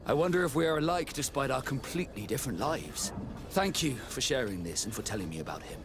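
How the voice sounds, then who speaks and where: Game captain role: earnest, guarded sailor, very varied intonation, noisy ambient backdrop. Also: male voice, mid-range voice, big pitch swings, fast talker. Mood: moved, reflective. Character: naval captain, Vasco, earnest man seeking his origins. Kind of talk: video game cutscene acting.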